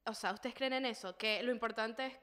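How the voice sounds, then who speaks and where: A woman's voice: on the high side, brisk, sharp tone. A young woman co-hosting a podcast, posing questions to the group in casual chat. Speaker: podcast co-host.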